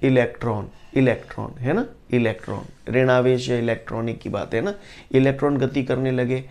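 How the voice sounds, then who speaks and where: A male physics teacher, lecturing a class, quizzing students and repeating definitions slowly. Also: medium pitch, fairly even intonation, darkish tone.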